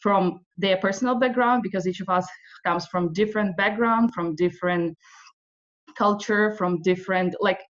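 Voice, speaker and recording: A woman's voice: medium pitch, normal speed. A young woman from western Ukraine in her twenties, leading an online video workshop in a hesitant way, with many fillers. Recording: slightly dull audio.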